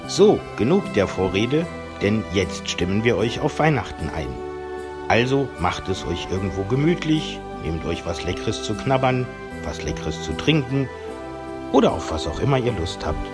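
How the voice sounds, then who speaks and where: A man hosting a podcast and announcing contest entries in a friendly way. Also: lowish voice. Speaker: podcast host.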